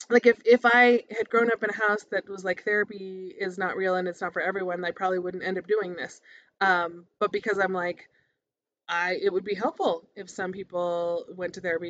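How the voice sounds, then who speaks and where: Calm therapist-voiced woman, slightly dull recording. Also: mid-range voice. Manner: casual, conversational, encouraging. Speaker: therapist hosting a podcast. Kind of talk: informal motivational monologue.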